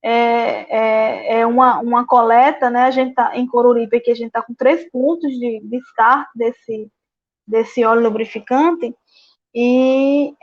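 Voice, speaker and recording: A woman giving a slide presentation at a public event, with many filler words and halting restarts. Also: a little high. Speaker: guest speaker on waste management. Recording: dull lo-fi sound.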